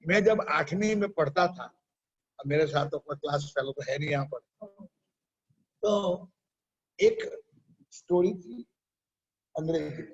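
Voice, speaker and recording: A man's voice: a little high, lively intonation, unhurried, long pauses, husky, muffled recording. A man preaching a sermon. He tells a parable and keeps stopping to quiz his listeners. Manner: questions the audience often. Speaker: religious preacher.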